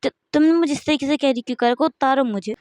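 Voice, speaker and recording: A woman's voice: sits high, darkish tone, voice pushed up, lightly acted. A woman voicing a rude, rebellious young man who talks sleepily or irritably in a storybook reading. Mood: irritated. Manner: sleepy and slow, then irritated.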